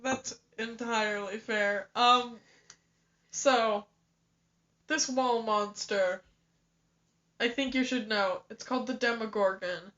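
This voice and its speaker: A woman's voice: on the high side, fairly even intonation, slow, long pauses, fairly bright tone. A young woman co-hosting a casual podcast, giggly and a little hesitant as she explains things. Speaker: podcast co-host. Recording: dull lo-fi home recording.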